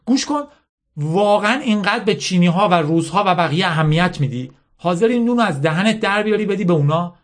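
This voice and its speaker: A man's voice: sits high, expressive, voice pushed up. A man reading a scornful girl general. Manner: scornful, lecturing, hammering rhetorical questions. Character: bitter teenage girl army general, scornful.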